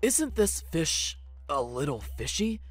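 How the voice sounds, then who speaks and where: A woman's voice: deep voice, big pitch swings, takes it slowly, husky, no echo, soft background music, full character voice. A woman voicing a diner at a sushi restaurant in a dubbed cartoon. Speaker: voice actor.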